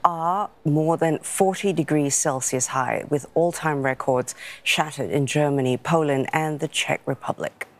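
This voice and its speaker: Low-voiced woman anchoring the news. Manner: brisk, steady delivery. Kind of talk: news reading.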